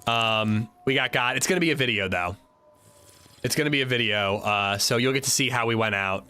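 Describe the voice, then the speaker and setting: A man from Pennsylvania, a streamer talking casually with chat while playing a game, animated and swearing freely. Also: medium pitch, fairly quick, clear, resonant tone. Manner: animated, profane, reacting to chat. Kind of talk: casual gaming livestream chat.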